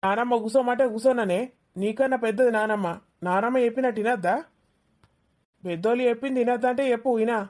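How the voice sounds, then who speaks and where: A lazy, cheeky cartoon schoolboy, played by a woman whines and complains. The voice sits a little high. He sounds like a teen who wants to be left alone. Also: fairly quick, a little mellow, lightly acted. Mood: whiny. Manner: whiny, complaining replies.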